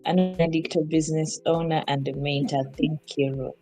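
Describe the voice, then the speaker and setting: Low, mellow-voiced woman from Uganda, hesitant panelist on a video call, faint music behind. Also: steady tone, brisk, low-quality recording. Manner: soft, hesitant, many fillers. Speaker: guest panelist. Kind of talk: live-stream video chat.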